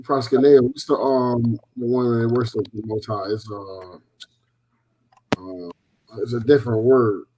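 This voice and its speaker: A man's voice: medium pitch, steady tone, a little slow, background noise. A man on an online group call, talking casually and hesitantly with many fillers. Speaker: congregation member.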